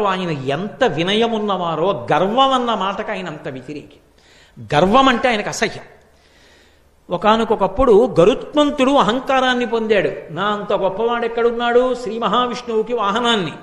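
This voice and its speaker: High-pitched man giving a devotional discourse. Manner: animated storyteller, acts out characters' quoted lines. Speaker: religious discourse speaker. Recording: long hall reverb.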